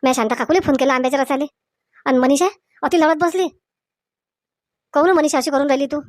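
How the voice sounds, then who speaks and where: Woman doing a bossy mother-in-law, scolding, high voice, dry. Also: fairly even intonation, fast talker, dry recording, natural voice.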